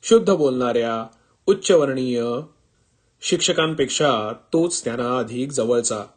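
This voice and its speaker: A man reading a literary story in the first person, with calm, measured narration. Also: medium pitch.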